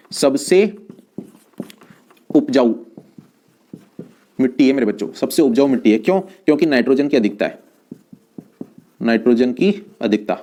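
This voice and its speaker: A man teaching an exam-prep lesson, who keeps asking his students questions and answers for them in a lower voice, repeating himself and calling them his children. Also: darkish tone. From India. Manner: repetitive, coaxing, calls students "my children".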